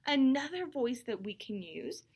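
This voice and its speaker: A woman music teacher giving a lesson to young children, speaking slowly and clearly in an encouraging way. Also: a little high, very animated, darkish tone. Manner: slow, clear and encouraging, demonstrating voices.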